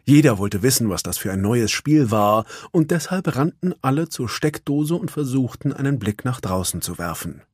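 A man reading a children's storybook aloud in an expressive, animated way. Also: medium pitch, normal speed, hardly any pauses, slightly rough, no room sound, studio quality. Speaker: narrator.

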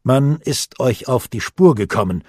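Male reader doing a stern uncle, firm and lecturing, husky, dry audiobook sound. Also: medium pitch, lively intonation, unhurried, darkish tone, no room sound. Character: stern middle-aged uncle lecturing his nephew.

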